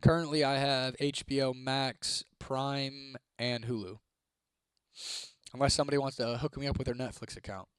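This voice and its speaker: A livestreamer from Toledo, Ohio reads comments in a laid-back chat, swearing freely and laughing often. His mid-range voice is steady, a bit bright and clean at a normal pace, though it's getting hoarse, and there is no room sound.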